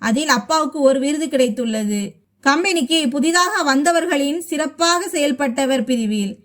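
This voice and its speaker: A woman voicing a kind young daughter-in-law who talks in a gentle, reassuring way in a storybook reading. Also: sits high, lively intonation, normal speed.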